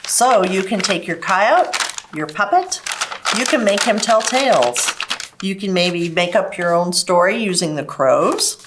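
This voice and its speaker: A woman's voice: medium pitch, expressive, unhurried, very noisy. A woman hosting a children's library program, explaining stories and crafts to kids in simple step-by-step terms. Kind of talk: children's craft lesson and storytime talk.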